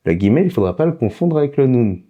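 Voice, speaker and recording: A man's voice: medium pitch, very animated, fast talker, phone-quality sound. A man with a slight foreign accent teaching a casual lesson, explaining patiently and repeating key points. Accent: foreign accent in French.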